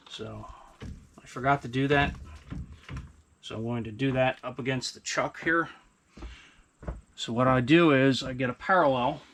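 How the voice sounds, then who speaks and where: Middle-aged male hobby machinist, medium pitch, unscripted and casual, talking through his work over light shop noise. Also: a bit bright. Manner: unscripted, thinking aloud while working. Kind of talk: casual hands-on workshop commentary. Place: small indoor wood-panelled workshop. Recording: clear machine and workshop noise.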